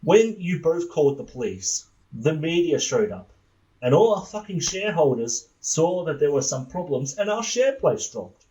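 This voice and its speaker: A man's voice: on the high side, big pitch swings, moderate pace, warm tone, rough recording. A man playing a sleazy, sexist corporate boss with a leering, condescending manner in a comedic table read. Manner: leering, condescending, explains everything.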